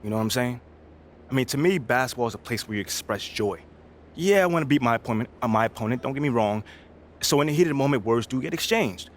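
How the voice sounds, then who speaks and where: A young adult actor voices an earnest rookie basketball player in a video game cutscene that plays like a casual interview, sounding calm yet disappointed. His medium-pitched voice is expressive, quick and lightly acted, with informal, confident slang. Background noise is clearly audible.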